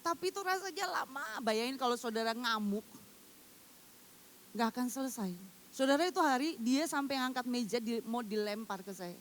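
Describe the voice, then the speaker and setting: High-voiced woman preaching a sermon. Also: expressive, moderate pace, slight background noise. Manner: addresses the congregation as "saudara", acts out quoted voices; swings from loud emphatic lines to hushed storytelling. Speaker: evangelist preacher.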